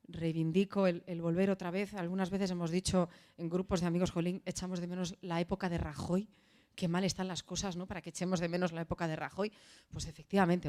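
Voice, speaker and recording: A woman's voice: on the low side, a little mellow. A woman from Galicia speaking as a panelist in a round-table debate, earnest and repeating phrases for emphasis. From Galicia, Spain.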